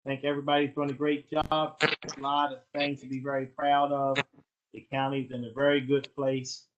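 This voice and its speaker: A man's voice: mid-range voice, monotone, lo-fi sound, slight background noise. Man chairing a council meeting. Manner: brisk, formal courtesies.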